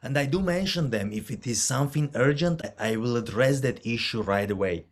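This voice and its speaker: A financial advisor appears as a guest on a podcast, explaining things in an earnest, careful way during a conversational interview. His medium-pitched voice is animated and fairly quick.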